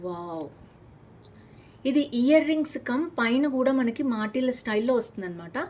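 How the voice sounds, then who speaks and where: Fast-talking chatty Telugu woman vlogger. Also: fairly high pitch, darkish tone, slightly rough. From Hyderabad, India. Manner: chatty, enthusiastic, mixes English words into Telugu. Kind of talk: casual product unboxing vlog.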